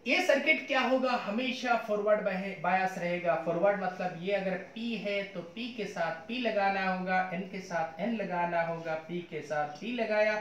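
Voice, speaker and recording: A man's voice: sits high, a bit bright. A man teaching physics in a lecture, often asking his students questions and mixing English terms into his talk. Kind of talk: classroom lecture. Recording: echoey room.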